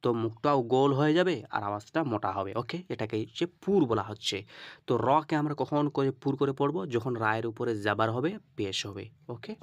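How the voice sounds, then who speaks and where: A man's voice: medium pitch, a little fast, no room sound, muffled recording. A man teaching Quran reading, spelling out letters and vowel marks step by step and often checking "okay?". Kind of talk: lesson on reading Arabic letters.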